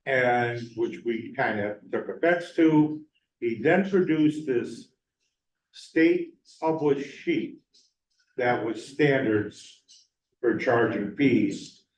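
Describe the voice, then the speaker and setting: A man's voice: medium pitch, lively intonation. Earnest man at a town meeting mic. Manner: earnest, measured, slows to stress points. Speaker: resident speaking at public forum. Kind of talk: public comment at a town meeting. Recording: roomy, distant, dull town hall recording.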